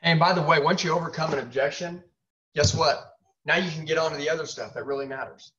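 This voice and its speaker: Dull lo-fi recording, man, sales trainer, slightly high voice, punchy motivational talk. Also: fast talker, a bit bright. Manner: emphatic, repetitive, punchy. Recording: distant mic, dull lo-fi sound.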